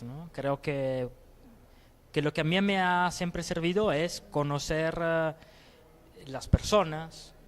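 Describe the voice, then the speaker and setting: Hesitant Italian man, slightly high voice. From Italy. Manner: reflective, hesitant, frequent pauses and "¿no?" tags. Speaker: guest. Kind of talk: casual interview conversation.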